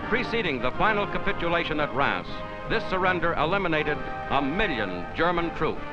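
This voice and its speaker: A man's voice: a little high, sing-song, a little fast. A man narrating in a dramatic 1940s newsreel style with an emphatic, rousing announcer delivery, heard as old newsreel sound. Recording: muffled 1940s newsreel recording with loud music.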